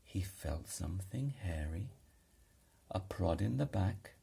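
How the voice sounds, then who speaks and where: Male storybook narrator: low, gravelly voice, unhurried and dramatic delivery. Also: expressive, warm tone. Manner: dramatic, deliberate. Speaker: storybook reader. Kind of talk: expressive read-aloud children's narration.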